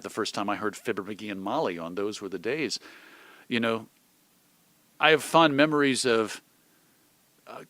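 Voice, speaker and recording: A voice on the low side, fairly bright in tone with no echo, belongs to a middle-aged American man who is an old-time radio host. As an interview guest he talks casually and reflectively, thinking aloud in a discursive, thoughtful manner and illustrating his points with examples and imagined quotes.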